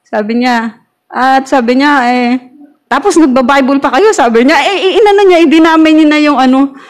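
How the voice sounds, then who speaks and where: A woman's voice: sits high, moderate pace. A middle-aged woman sharing a personal testimony in a church group, chatty and laughing often as she acts out quoted arguments.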